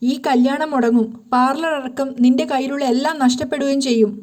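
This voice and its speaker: Rich: A firm young woman scolding and counseling a frightened friend, as a woman narrator reads her part. The voice is high and mellow. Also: steady tone, a little fast, natural voice. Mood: urging. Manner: scolding, advising.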